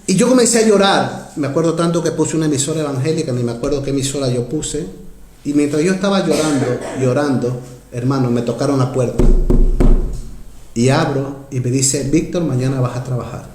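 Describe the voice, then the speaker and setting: A man preaching a sermon as pastor, urgent and heartfelt, surging loud then dropping to quiet asides as he keeps calling out to his brothers and sisters. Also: fairly quick, reverberant. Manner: impassioned, swings from loud rises to low quiet asides, keeps addressing "hermanos".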